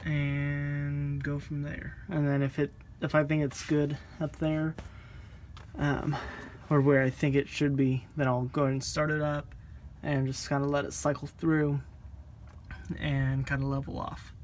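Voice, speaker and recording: Unhurried and monotone, in a fairly high voice, a man narrates a casual how-to on a car repair, rambling and thinking aloud with lots of ums. He's a DIY car vlogger shooting on a handheld phone, first inside a moving car, then beside it outdoors at night. Road and engine noise is loud.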